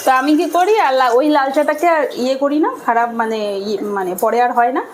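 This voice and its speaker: A cooking vlogger with a high-pitched, expressive voice talks fast and chats with viewers while cooking in her home kitchen. The audio is poor, with a little hiss or hum and kitchen clatter behind her voice.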